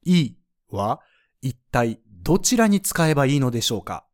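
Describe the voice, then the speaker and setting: A man's voice: mid-range voice, sing-song, moderate pace. A man teaching French pronunciation in a scripted lesson, explaining the rules patiently and spelling out sounds one by one.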